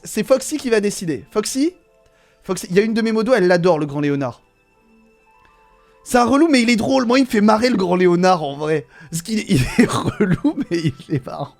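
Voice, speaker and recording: Male streamer, slightly raised pitch, relaxed and profane, reading chat live. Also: fairly quick, soft background music. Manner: relaxed, swears, laughs often, talks to chat.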